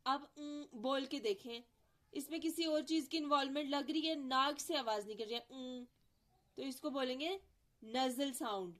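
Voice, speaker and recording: A woman giving a phonetics lesson, explaining step by step, demonstrating sounds aloud and often asking if it is clear. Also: high voice, normal speed, a bit bright. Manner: mixes in English terms, demonstrates sounds aloud. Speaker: teacher. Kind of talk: phonetics lecture.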